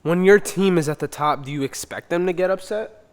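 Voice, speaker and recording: A man's voice: sits high, a little fast. Emphatic young man in reverberant space. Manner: emphatic, argumentative, repeats himself for effect. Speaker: podcast co-host. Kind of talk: casual sports chat.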